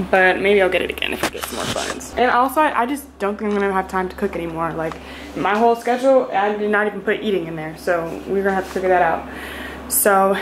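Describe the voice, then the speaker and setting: A woman's voice: mid-range voice, background noise. Chatty young woman vlogging to her camera. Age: young adult. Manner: chatty, talks straight to viewers, trails off with fillers. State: out of breath. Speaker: law student vlogger. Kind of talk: casual vlog chat. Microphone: on-camera mic.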